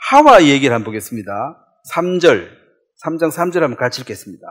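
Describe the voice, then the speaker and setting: A man's voice: on the high side, fast. A man preaching a sermon as pastor, acting out voices as he goes. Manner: animated, acts out voices.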